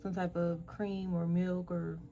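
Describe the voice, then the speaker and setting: Faint music plays behind a woman hosting an energy reading in a lowish, mellow voice with a level tone. She speaks haltingly, giving words one after another with pauses and fillers, and keeps clearing her throat as she loses her voice.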